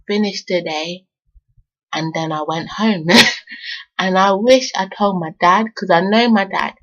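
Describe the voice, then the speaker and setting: A woman's voice: mid-range voice, measured pace, fairly bright tone. A woman telling a story from her own life in a casual vlog, laughing often and swearing freely. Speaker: vlogger. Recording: dull lo-fi sound.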